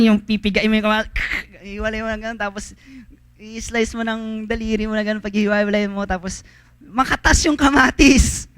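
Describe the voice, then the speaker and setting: A man preaches at a church service in a very high, bright voice, moving between loud calls to the congregation and soft storytelling. He mixes English phrases into his Tagalog. The sound is dry and close, with little room echo. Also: clean tone. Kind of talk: sermon.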